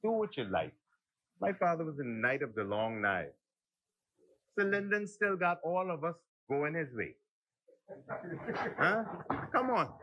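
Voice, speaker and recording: A man's voice: fairly high pitch, sing-song, unhurried, long pauses, lo-fi sound. A middle-aged man with a Bahamian accent giving a heated, rambling, folksy speech as a member of parliament in a legislative chamber.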